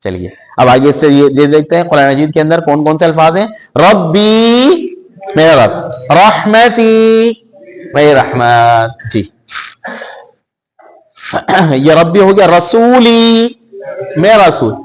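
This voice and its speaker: A high-pitched man leads a Quran vocabulary class. He draws each word out slowly, then gives its meaning briskly and asks the class questions. His voice rings out with a long hall reverb. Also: animated. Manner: drawn-out stressed words, then quick glosses and questions to the class. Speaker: Quran teacher.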